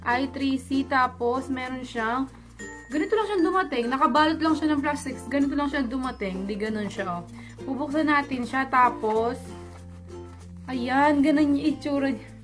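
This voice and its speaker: A woman from the Philippines, chatting excitedly in a casual vlog, mixing English and Tagalog, on a cheap lapel mic by a window. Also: sits high, normal speed, soft background music. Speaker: vlogger. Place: indoors by a window. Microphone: cheap clip-on lapel mic.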